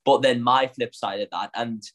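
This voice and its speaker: A man's voice: mid-range voice, steady tone, moderate pace, a bit bright. A young man with a Northern English accent, an actor chatting casually and reflectively about his work. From Northern England. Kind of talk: casual chat.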